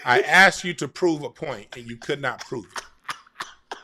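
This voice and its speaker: A man's voice: medium pitch, unhurried, sharp tone. A man hosting a call-in show who insistently lectures a caller. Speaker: radio show host.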